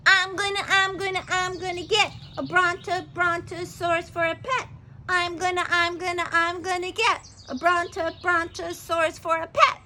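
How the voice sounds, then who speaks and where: A woman voicing a bold, stubborn little girl who chants a sing-song tune loudly. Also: extremely high pitch, little pitch movement, moderate pace, a little hiss or hum, pitched above the performer's own voice.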